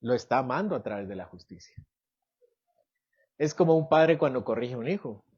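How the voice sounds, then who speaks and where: A man teaches a church doctrine class, often asking his listeners questions and acting out short everyday scenes to make his point. His voice sits at a middle pitch. The recording sounds a little dull and lo-fi. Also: lively intonation, normal speed, darkish tone, husky. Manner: asks the class questions, acts out examples in quoted voices. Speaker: Bible teacher.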